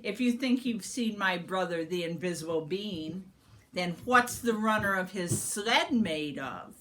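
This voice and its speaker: A woman's voice: on the low side, lively intonation, measured pace, fairly bright tone. Woman playing a stern, commanding guardian sister. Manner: commanding, probing, questioning. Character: stern, shrewd sister of an invisible being, testing visitors.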